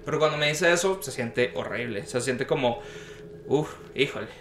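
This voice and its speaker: A man's voice: medium pitch, a little fast, background noise. A young man, telling a story in casual chat and acting out the voices he quotes. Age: young adult. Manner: animated, acts out the voices he quotes. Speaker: podcast guest telling a story. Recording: roomy echo.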